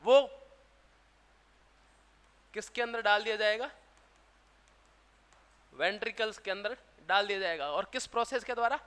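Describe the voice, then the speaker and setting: A man's voice: sits high, unhurried, long pauses, a bit bright, smooth. A man teaching a classroom lecture with a Rajasthani Hindi accent, who keeps asking questions and answering them himself. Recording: long hall reverb.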